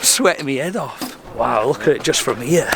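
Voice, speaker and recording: A man's voice: mid-range voice, animated, normal speed, gravelly, background noise. A Welsh man filming a casual travel vlog outdoors, asking curious questions as he walks. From Wales. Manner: chatty, curious, asks lots of questions. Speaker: travel vlogger. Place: outdoors in a war-damaged city.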